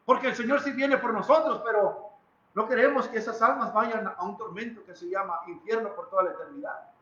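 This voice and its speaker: A man's voice: high voice, a little fast, pushed and bright, echoey room, highs cut off. A man with a Mexican Spanish accent preaching a sermon in a church, emphatic and dramatic, who repeats phrases and puts questions to the congregation. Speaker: pastor. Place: church hall.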